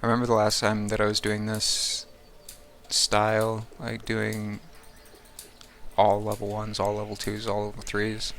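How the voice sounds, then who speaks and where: A man's voice: fairly low pitch, monotone, a little slow, a bit bright, a little hiss or hum. A man streaming a game live, rambling casually and thinking aloud with lots of fillers. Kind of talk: casual live-stream commentary while playing.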